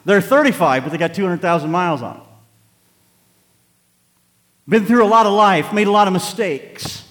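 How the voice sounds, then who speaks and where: A man's voice: sits high, lively intonation, normal speed, a bit bright, long reverb tail. A pastor in his late fifties preaching a sermon, moving from conversational reflection to emphatic, rising exhortation. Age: 50s. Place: church sanctuary.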